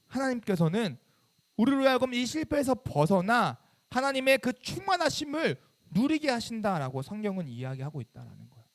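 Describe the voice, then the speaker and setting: A man in his thirties, a youth pastor giving a sermon to middle schoolers, talking conversationally and quizzing them with questions. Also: extremely high pitch. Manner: bursts into loud scolding when acting out his younger self.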